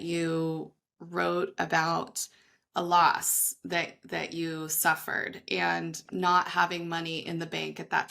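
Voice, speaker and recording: With a lowish voice that's bright and forceful and carries vocal fry, a woman hosts a podcast. She opens with a cheerful scripted introduction before eagerly chatting with her guest through questions.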